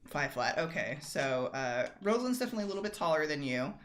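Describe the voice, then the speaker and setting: A woman's voice: deep voice, sing-song, fast, slight background noise. A woman narrating as game master of a tabletop role-play in a casual, filler-heavy way.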